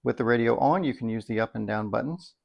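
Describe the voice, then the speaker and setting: Talking fast over lo-fi sound, a man demonstrates a product in a casual, off-the-cuff way, thinking as he goes. His medium-pitched voice has a strong gravelly fry, and he comes across folksy and drily humorous.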